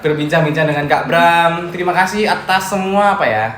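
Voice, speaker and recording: A man's voice: a little high, brisk, a bit bright. A teenage boy co-hosting a student podcast in casual chat, joking and laughing easily. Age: teens. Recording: roomy echo with clear background noise.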